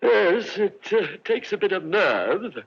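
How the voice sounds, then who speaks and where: An actor playing a pompous but cowardly Roman emperor who speaks grandly while hesitating nervously, in 1950s film acting. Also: male voice, high-pitched, sing-song, slow, gravelly, slightly rough, exaggerated voice. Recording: muffled old film soundtrack.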